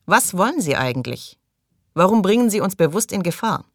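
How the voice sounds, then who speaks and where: A woman's voice: on the low side, very animated, fairly quick, dry recording, studio quality, pitched above the performer's own voice. A woman reading an audiobook and voicing a suspicious, agitated man who accuses and raises his voice. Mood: accusing.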